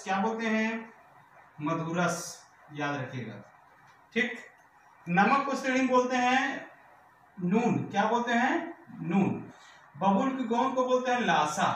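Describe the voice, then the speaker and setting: A man with a high voice runs a vocabulary lesson for exam students. He repeats every term after a quick rhetorical question and checks whether the class has understood. He sounds distant from the mic, in a very echoey room with faint background noise. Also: fairly bright tone. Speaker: teacher.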